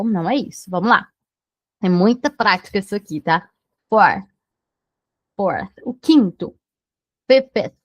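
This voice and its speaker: A woman's voice: medium pitch, no room sound. A Brazilian woman teaching English to beginners, patiently explaining pronunciation and checking in with the learner after every point. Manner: patient, repeats checks like "tá bom?".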